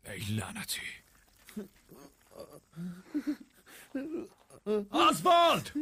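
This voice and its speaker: A man dubbing a rancher who holds his family together, shouting at times and soothing at others. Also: sits high, no echo, exaggerated voice. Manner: shouting in search, then softly soothing. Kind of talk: film dubbing.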